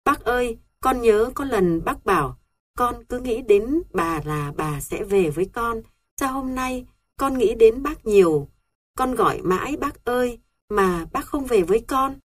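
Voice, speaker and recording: Tearful little girl crying out for her aunt, woman putting it on, high and husky, dry sound. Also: lively intonation, unhurried. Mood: grieving. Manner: pleading, high and plaintive.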